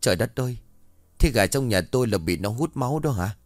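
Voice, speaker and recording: A man voices a frightened young father in the village. He pleads with frantic cries, his voice lifted above the storyteller's usual low tone. The sound is dry and close. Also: animated, a little fast, dry recording, soft background music, lightly acted. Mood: panicked.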